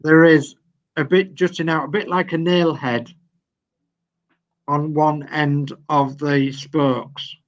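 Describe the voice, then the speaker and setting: An older man with a Yorkshire accent talks very slowly and patiently, reading out build instructions one step at a time. His voice sits a little high. The video call audio is dull and lo-fi. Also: steady tone. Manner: slow, patient, reads instructions aloud step by step. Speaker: model-building guide.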